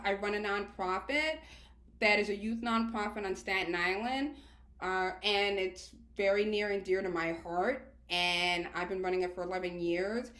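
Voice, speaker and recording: A woman's voice: mid-range voice, fairly bright tone. A woman, talking casually and chattily as a guest in an interview. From Queens, New York, United States. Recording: roomy, echoey sound.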